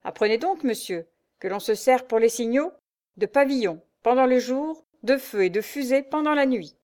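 A woman's voice: a little high, animated, moderate pace, darkish tone, voice pushed up, natural voice. A woman voicing a hot-tempered, proud male naval commander who speaks curtly and sarcastically in a read-aloud story. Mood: haughty. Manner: curt, sarcastic, imperious.

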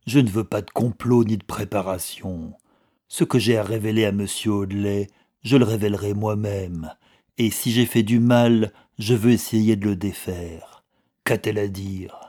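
A dying peasant speaks weakly but with an angry edge, voiced by a man reading the story. His voice is husky and dark, set fairly low. It stays within a one-narrator storybook reading. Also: normal speed. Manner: weak but irritable.

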